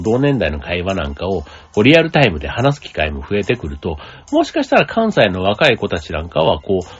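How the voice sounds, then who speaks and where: Deep and slightly rough, the voice belongs to a Kansai man hosting a casual solo podcast talk show. He rambles through fillers and asides, recorded in slightly dull lo-fi audio with faint music behind him.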